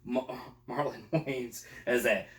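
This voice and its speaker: A man's voice: medium pitch, steady tone, slow, recorded from a distance, background noise. Man, casual movie chat, profane, laughing, echoey room. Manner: laughing, profane, quotes scenes in put-on voices. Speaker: podcast co-host.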